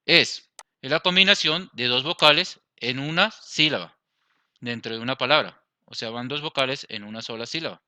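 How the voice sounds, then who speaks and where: Colombian man, teacher, grammar lesson, step-by-step explaining, very bright voice, smooth and dry. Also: mid-range voice, normal speed, dry recording. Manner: explains step by step, asks the class "¿listo?". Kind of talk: grammar lesson over slides.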